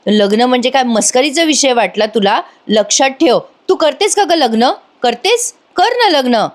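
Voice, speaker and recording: A woman's voice: normal speed, natural voice. A woman doing a furious bitter young wife. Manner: scolding, shrill outbursts.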